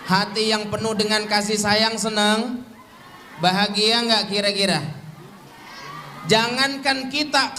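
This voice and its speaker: Brief: male preacher, high and bright, unhurried, teasing the crowd, melodic chanting. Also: slight background noise. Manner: playful, joking with the audience; chanting Arabic phrases in a drawn-out melodic way. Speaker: Islamic preacher. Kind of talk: sermon.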